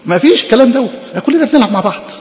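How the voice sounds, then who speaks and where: A man with an Egyptian accent preaching a sermon in an animated, conversational way, full of rhetorical questions. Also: very high voice, racing, long reverb tail, muffled recording. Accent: Egyptian Arabic.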